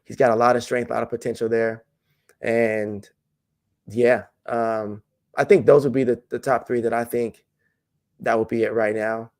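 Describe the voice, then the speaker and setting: A man's voice: mid-range voice, normal speed. A man, a track and field jumps coach, talking loosely in a podcast interview with many fillers and restarts. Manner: relaxed, rambling with fillers and restarts.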